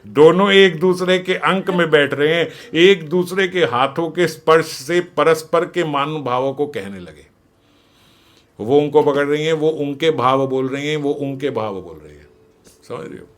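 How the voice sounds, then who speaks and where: A man giving a devotional scripture discourse, animated, acting out the dialogue and often laughing. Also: a little high, a little slow. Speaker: devotional storyteller.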